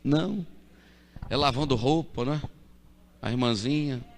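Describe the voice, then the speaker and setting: A middle-aged man with a deep voice, preaching a sermon as pastor, moving from quiet storytelling to loud repeated proclamations. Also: normal speed. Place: church. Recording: church hall reverb.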